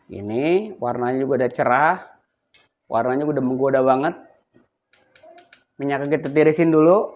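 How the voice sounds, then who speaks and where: A man's voice: medium pitch, normal speed, pauses often, darkish tone, muffled recording. An older man, hosting a casual cooking vlog and playfully coaxing his grandchild as he talks. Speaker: vlog host.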